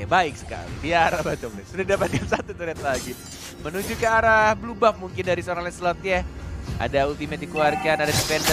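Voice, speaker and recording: Indonesian esports caster over loud music. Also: mid-range voice. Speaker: esports commentator. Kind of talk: live game commentary. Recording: loud game music behind the voice.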